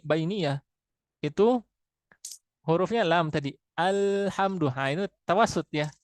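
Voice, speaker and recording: A man teaching Quran recitation rules, slowly repeating and sounding out Arabic letters for his students. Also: a little high, dry recording. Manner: slow, repetitive, demonstrates letter sounds aloud. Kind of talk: classroom tajwid lesson.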